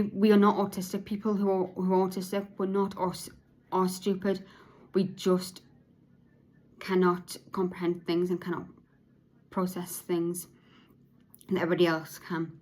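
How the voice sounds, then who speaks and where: A podcast host, a woman with a lowish voice, speaks haltingly, restarting often and repeating words. At times she's monotone, which she herself admits.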